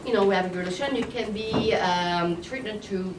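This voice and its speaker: This French Canadian woman, a native French speaker, talks fairly quickly in a mid-range voice, presenting at a conference in a chatty way and sometimes groping for the right word. Picked up by a faraway microphone, her voice echoes through the hall over sounds from the audience.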